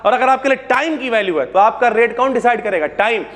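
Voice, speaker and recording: High-voiced chatty chemistry teacher. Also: male voice, expressive, fast, fairly bright tone. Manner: chatty, calls students brother, asks and answers own questions. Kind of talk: classroom lecture. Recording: long hall reverb.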